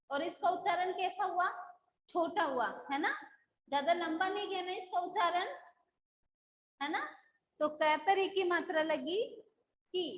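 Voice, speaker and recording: A woman's voice: extremely high pitch, echoey room, rough recording. A woman school teacher taking a live online class, patiently drilling syllables and checking that the students follow.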